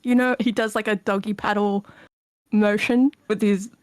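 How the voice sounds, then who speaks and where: A woman's voice: mid-range voice, fairly even intonation, normal speed, a little mellow, no echo, clean studio sound. A woman player in a tabletop game, giggling and playful as she voices her character. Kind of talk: casual tabletop role-play.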